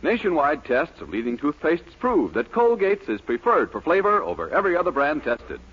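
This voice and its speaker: Husky, very animated radio ad man. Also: fairly high pitch, moderate pace. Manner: eager, selling delivery. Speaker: radio commercial announcer. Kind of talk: scripted commercial announcing. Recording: lo-fi 1940s radio broadcast.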